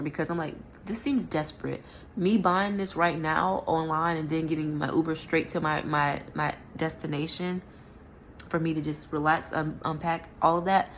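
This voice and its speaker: An animated young woman tells a casual vlog story in a fairly low voice, full of slang and quick asides. She laughs often and jumps up high when something surprises her. A faint hum of noise sits behind her. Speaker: vlogger.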